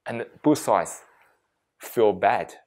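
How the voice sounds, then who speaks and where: At a workplace session, a meditation teacher with a fairly deep, slightly mellow voice gives a slow, reflective mindfulness talk to a group. He speaks deliberately in short phrases with frequent pauses, and his wording shows small grammar slips typical of a non-native English speaker.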